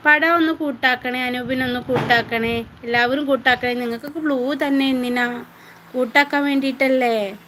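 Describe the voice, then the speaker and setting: Woman streamer, higher pitch, casual, reads and answers viewer comments. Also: fairly even intonation, moderate pace, a bit bright, a little hiss or hum, low-quality recording. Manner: chatty, answers viewers by name. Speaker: live-stream host. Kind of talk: casual live-stream chat, reading viewer comments aloud.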